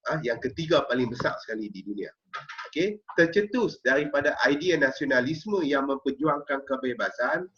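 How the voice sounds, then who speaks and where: A man teaches a classroom history lesson, speaking at a middle pitch. He explains each point step by step and keeps checking in with the class. The recording sounds slightly muffled and lo-fi. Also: a bit bright. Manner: explanatory, checks in with frequent "okey?" and "ha?". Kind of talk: classroom lecture.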